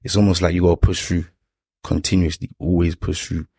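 A young man with a London accent and a low, gravel-edged husky voice, recorded dry. He speaks in a reflective, conversational way, as in a motivational chat with friends, tagging his points with little questions. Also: little pitch movement, brisk, dark tone, no echo.

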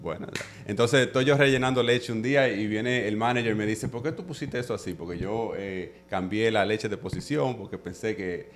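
A man from the Republic, a podcast guest telling his life story in a relaxed way, with English words mixed in. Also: fairly low pitch, normal speed. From Dominican Republic. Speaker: guest business owner.

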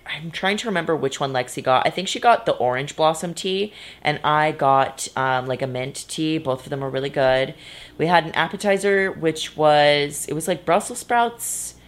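A woman in her twenties with vocal fry, chatting casually in a rambling, sweary personal vlog and often interrupting herself. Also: sits low. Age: 20s. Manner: informal, sweary, self-interrupting. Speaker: vlogger. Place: in bed indoors.

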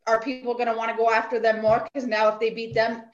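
A woman's voice: fairly high pitch, level tone, fast. Woman on an echoey lo-fi mic. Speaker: podcast co-host. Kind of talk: casual chat. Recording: echoey, dull lo-fi remote mic.

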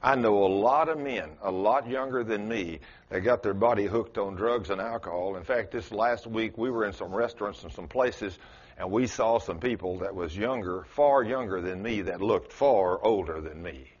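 A man in his late sixties preaching a folksy sermon, quizzing his congregation and rising to loud exclamations. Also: fairly low pitch, moderate pace, dull audio. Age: 60s. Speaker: pastor.

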